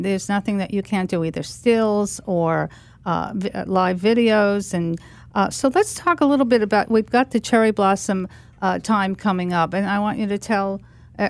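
A woman's voice: medium pitch, darkish tone. A woman hosting a radio interview, who asks friendly, leading questions. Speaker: radio show host.

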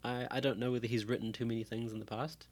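A man's voice: mid-range voice, little pitch movement, fast. A man co-hosting a casual film podcast, rambling through tangents and laughing often. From New Zealand. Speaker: podcast co-host.

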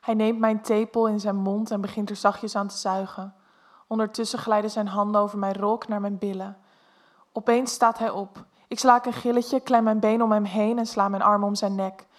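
A woman reading an erotic story aloud in a soft, intimate first-person narration. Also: medium pitch, little pitch movement, normal speed.

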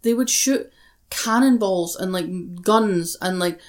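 A woman co-hosting a casual podcast, blunt and quick to swear. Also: lowish voice. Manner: blunt, swears, laughs often. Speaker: podcast co-host. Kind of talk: casual chat.

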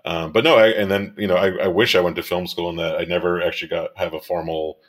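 Deep-voiced guy from miami in his 30s, photographer, chatty and rambly, lots of um and you know. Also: steady tone, quick pace. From Miami, United States. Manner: rambling, many fillers and restarts, laughs easily. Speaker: guest, commercial photographer and director. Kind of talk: casual interview conversation.

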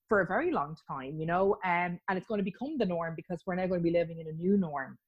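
A woman's voice: lowish voice, expressive, fast talker, breathy edge. Chatty Irish woman, muffled audio. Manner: chatty, laughs often, restarts words. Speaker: interview guest, bride-to-be. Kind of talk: casual chat.

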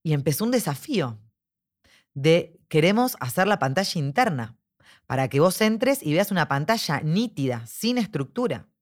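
In a casual interview, a woman with an Argentine Spanish accent talks enthusiastically about an immersive dome cinema. Her voice sits low and has a sing-song lilt, moving at a moderate pace.

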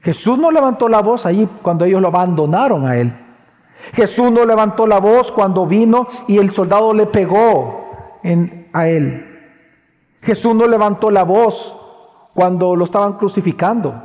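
Male pastor, high voice, sermon in a church hall with long reverb; repeats lines for emphasis, loud-to-hushed swings. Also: expressive, normal speed, highs cut off. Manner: preaching with sharp swings between loud high passages and low hushed ones.

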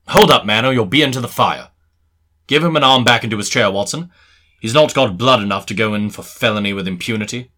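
In a dramatised Victorian story, a man with a lowish voice plays a shrewd gentleman detective, courteous yet commanding. He speaks precisely and formally, with a note of quiet mockery.

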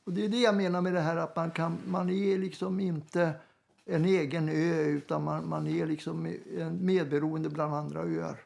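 High gravelly guy musing away, kinda wry. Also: little pitch movement. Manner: reflective, muses with a gentle humor. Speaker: guest in group talk. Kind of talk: casual chat.

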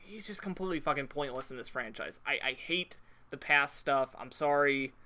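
A man's voice: mid-range voice, normal speed, sharp tone. A young man in casual movie chat, rambling off on tangents and laughing often.

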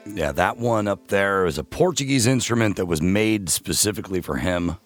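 A man's voice: sits low, lively intonation, moderate pace, soft background music. A man from California hosting a casual interview, talking in a loose, joking and profane way. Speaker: podcast host.

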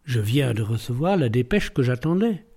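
A man voicing a suave, ironic gentleman thief who talks in a playful, teasing, self-assured way in an audiobook. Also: mid-range voice, big pitch swings, normal speed, husky. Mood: mocking.

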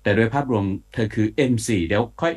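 Deep-voiced male radio host. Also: animated, quick pace, a little mellow. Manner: informal and chatty, with frequent polite particles. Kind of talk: relaxed radio interview chat. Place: radio studio.

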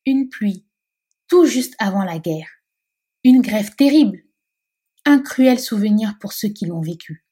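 A woman with a husky voice, narrating a novel in a measured, expressive way. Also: medium pitch.

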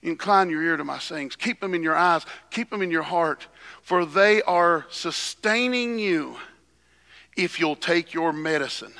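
Male preacher, high bright voice, slow delivery, at a pulpit microphone in a reverberant church hall. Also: creaky. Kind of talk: sermon.

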